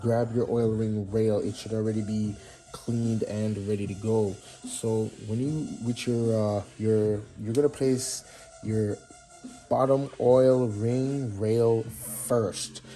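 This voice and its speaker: A low, mellow-voiced man with a Jamaican accent walks through a garage job in an easygoing tutorial. He talks loosely, with fillers and restarts, over faint background music. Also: slow, poor audio. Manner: relaxed, chatty, many fillers and restarts. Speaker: mechanic demonstrating engine assembly. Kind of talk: casual how-to tutorial. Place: home garage workshop.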